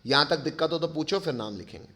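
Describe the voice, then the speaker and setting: With a fairly high pitch and a bright, forceful tone, a fast-talking, animated man gives a step-by-step chemistry lecture. He addresses his pupils affectionately as kids and keeps checking whether they follow.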